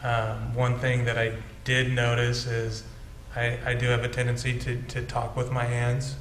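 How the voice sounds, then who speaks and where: Male drama student, flat delivery, hesitant self-critique, roomy sound. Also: medium pitch, unhurried. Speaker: acting student. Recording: roomy echo, faint background noise.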